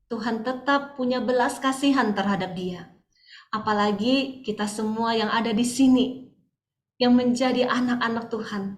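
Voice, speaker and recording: Woman, earnest testimony, devotional talk, fairly high pitch, roomy echo. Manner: earnest storytelling, retelling events slowly. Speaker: speaker sharing a devotional reflection. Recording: echoey room.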